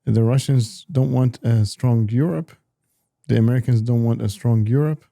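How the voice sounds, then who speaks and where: A man talking politics as an analyst in a casual discussion, halting often with repeated words and restarts. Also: mid-range voice, fairly even intonation, vocal fry, dark tone, no room sound, studio quality.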